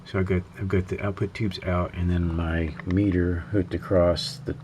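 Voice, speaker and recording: With slight background noise behind him, a man narrates his hobby radio repairs at an indoor workbench, musing hesitantly in a halting, casual way. His voice is low and a little mellow, with little pitch movement.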